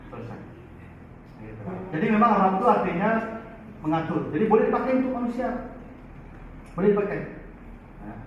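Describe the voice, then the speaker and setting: A man teaching in a lively Quran study lecture, often turning to his listeners. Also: high voice. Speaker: religious teacher. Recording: echoey far-off hall, dull lo-fi, faint noise.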